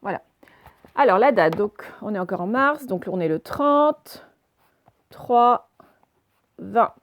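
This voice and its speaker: A woman teacher recording a reading lesson for young children, stretching words slowly and sounding out each syllable. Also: mid-range voice, expressive, no echo, studio quality. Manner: slow, careful, stretched-out word pronunciation; pauses the recording to let pupils work. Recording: self-recorded home lesson.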